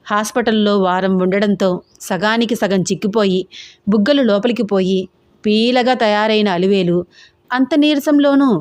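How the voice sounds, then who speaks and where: A woman storyteller narrating a scripted audio story in an expressive way, giving each character a voice. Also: medium pitch, dry recording.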